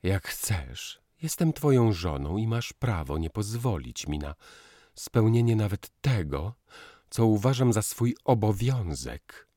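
A man's voice: on the low side, sing-song, slow, warm tone, no room sound, studio quality, pitched above the performer's own voice, full character voice. A man voicing a young newlywed woman who speaks in a cool, firm, clipped way. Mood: cold. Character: young bride, cool and stiffly dutiful.

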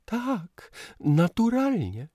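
A man voicing a cheerful, playful young wife who chatters brightly. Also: mid-range voice, drawn-out words, dry recording, studio quality, pitched above the performer's own voice, heavily acted. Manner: chirpy, lively storytelling.

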